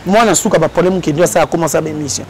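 A man's voice: on the high side, racing, slight background noise. A man animatedly telling a story as a guest in a casual interview. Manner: lively, switches between Lingala and French.

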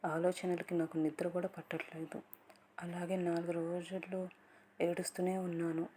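A woman narrating a love story in the first person, reading softly and slowly and slipping into a whisper at times. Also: on the low side, little pitch movement, a little hiss or hum. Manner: soft, slow, partly whispered reading.

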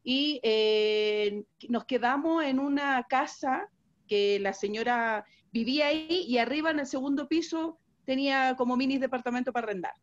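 A woman with a Chilean accent, a workshop participant, telling a travel story in an animated way and quoting voices. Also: sits high, normal speed, dull audio. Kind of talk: anecdote in online training.

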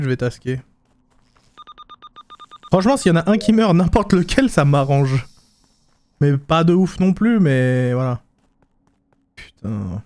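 Mellow man muttering gaming asides. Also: fairly high pitch. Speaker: streamer. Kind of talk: casual gaming stream chat.

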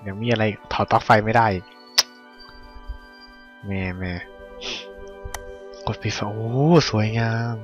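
A man giving casual let's-play commentary on a video game, excitable and full of sudden exclamations. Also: fairly low pitch, takes it slowly, long pauses, dull audio, music in the background. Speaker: gaming caster.

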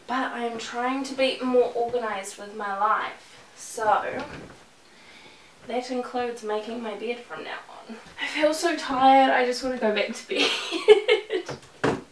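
A woman's voice: on the high side, fairly bright tone, a little hiss or hum. Chatty young New woman vlogging. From New Zealand. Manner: chatty, sleepy, laughs often. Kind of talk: casual morning routine vlog. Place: home, bedroom and kitchen.

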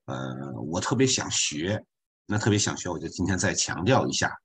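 A man's voice: deep voice, lively intonation, normal speed, slightly rough. A man teaching a beginner French class online as a volunteer, patiently repeating his points with chatty asides.

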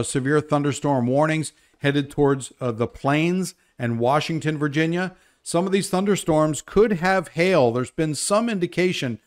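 An older man with a slightly high voice gives an unscripted live weather update, explaining as he goes and pausing hesitantly to think.

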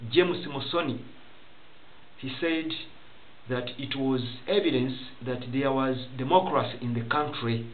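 A young man from Rwanda talks straight to a webcam from a small office, delivering political commentary in a halting way, restarting and repeating phrases as he goes. The sound is thin and phone-like, with a faint hiss underneath. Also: mid-range voice. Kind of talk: direct-to-camera commentary. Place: small office room indoors.

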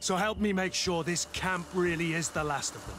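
Video game guard captain, male actor: battle-hardened, principled, indignant, fairly high-pitched voice over faint noise. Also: moderate pace, lightly acted. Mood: indignant, rallying.

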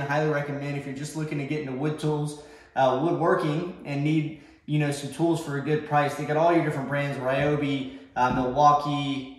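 Brief: young guy, slightly high voice, rambling woodshop tour talk, heavy garage echo. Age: young adult. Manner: rambling, filler-heavy, self-correcting. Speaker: woodworking vlogger. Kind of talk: casual shop tour talk. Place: large home garage workshop. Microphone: far camera. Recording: echoey garage.

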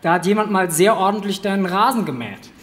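A man doing a sharp-tongued teasing mother. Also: sits high, animated, a little fast, big-room sound. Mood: mocking.

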